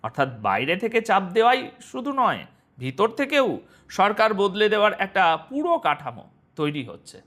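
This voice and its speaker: Animated male news commentator. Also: high voice, a little fast. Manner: animated, rhetorical questions to the audience. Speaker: news presenter. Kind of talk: news commentary addressing viewers.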